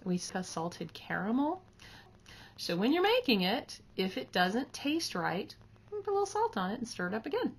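With a breathy edge to her voice, which is on the high side and very animated at a normal speed, a woman in her thirties hosts a chatty kitchen demonstration. She explains as she goes in her home kitchen, captured by a camera at counter distance.

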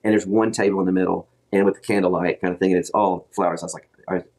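Husky lowish guy rambling through a story, talks quick. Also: steady tone, a little mellow. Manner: rambling, with many restarts and acted quotes. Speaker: guest telling a story. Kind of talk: casual storytelling. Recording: played clip from a podcast.

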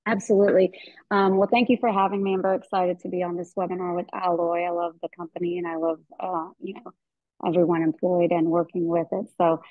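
A woman in her forties, a gynecologist guest in a webinar, talks earnestly and keeps restarting her sentences. Her voice sits a little low. The video call audio is dull and dry. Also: level tone, quick pace, no echo. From American South. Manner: earnest, thinking aloud with many fillers and restarts. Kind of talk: webinar interview. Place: indoor room at home.

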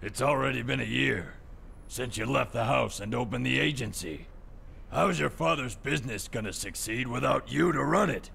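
Devoted game servant, earnest, really gravelly voice. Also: male voice, medium pitch, moderate pace, sharp tone, slight background noise. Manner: earnest and pleading. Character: loyal devoted male servant, young adult. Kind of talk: video game voice acting.

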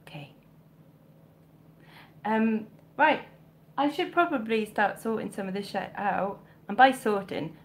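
A woman in her thirties from South Wales, with a mild Welsh accent and a medium-pitched voice, hosts a live stream from her home bedroom, where shelves line the walls. She's a vintage clothing reseller who chats casually, pokes fun at herself and drops jokey asides while answering comments. A close webcam or phone picks her up, with a little hiss or hum underneath.

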